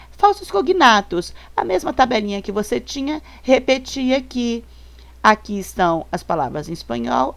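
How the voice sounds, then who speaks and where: Brazilian lady teacher going over a lesson, bit of fry in her voice, jokey, keeps asking "right?". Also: mid-range voice. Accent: Brazilian Portuguese. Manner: chatty, teasing, keeps checking in with pupils. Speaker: Spanish teacher. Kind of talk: recorded class review.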